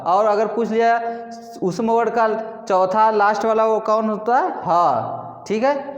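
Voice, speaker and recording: A man teaching a Hindi grammar lesson, slowly repeating points and quizzing his listeners with questions he answers himself. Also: sits high. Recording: echoey room, dull lo-fi sound.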